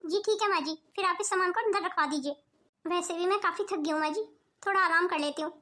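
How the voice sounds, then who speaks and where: A woman does cartoon voice acting as a sweet, hardworking elder daughter-in-law, speaking gently, politely and soothingly. Her voice is very high, fast, pushed and bright.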